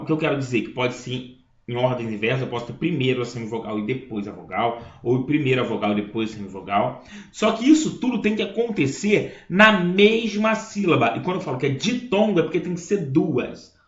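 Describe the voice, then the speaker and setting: A man teaching a grammar lesson, explaining step by step and checking in with his listeners. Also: mid-range voice. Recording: echoey room, dull lo-fi sound.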